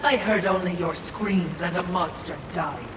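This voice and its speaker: A man voices a fawning, sardonic spirit servant in a video game, his formal delivery both snide and obsequious in this theatrical dialogue. He speaks a little slowly, and the recording sounds echoey and distant, with loud rumbling game ambience in the noisy background.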